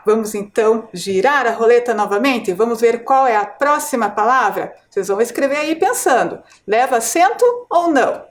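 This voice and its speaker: A woman teacher with a Brazilian Portuguese accent giving a televised lesson to children, explaining slowly and clearly, syllable by syllable, and checking in with questions. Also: on the high side, animated. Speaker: primary school teacher.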